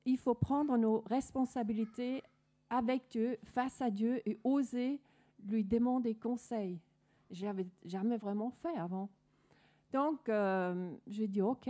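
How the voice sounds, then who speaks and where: Danish-accented woman giving a soft testimony. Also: fairly high pitch. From Denmark. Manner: earnest, storytelling with many restarts and fillers. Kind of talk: personal testimony.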